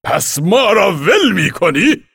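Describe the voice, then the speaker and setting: A man voicing a fiery old exiled commander who declaims his words slowly and loudly in an audiobook. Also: sits high, wildly swooping pitch, creaky, slightly rough, dry recording, clean studio sound, pitched above the performer's own voice, exaggerated voice. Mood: fiery, rousing. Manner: declaiming, slow and loud.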